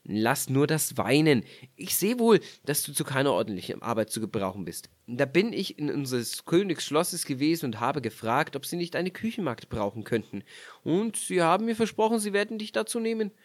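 A man voicing a gruff, poor husband from a fairy tale who scolds and gives orders. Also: a little high, big pitch swings, moderate pace. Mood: scolding. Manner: scolding, commanding.

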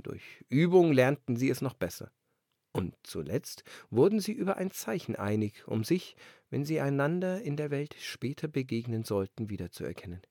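Male storybook narrator, lively melody, dry close sound. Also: medium pitch, no room sound. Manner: calm, expressive storytelling. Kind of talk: fairy-tale reading.

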